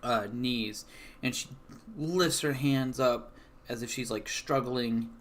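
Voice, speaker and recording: A man improvising tabletop game narration as game master, casual and halting as he searches for words. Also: medium pitch, fairly bright tone.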